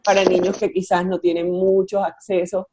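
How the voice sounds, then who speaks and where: A woman's voice: on the low side, flat delivery, moderate pace, noisy background. A woman in her forties from Colombia's Caribbean coast, speaking over a video call to schoolchildren in a friendly, explanatory way with frequent fillers. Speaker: children's author and educator. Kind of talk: virtual talk to schoolchildren.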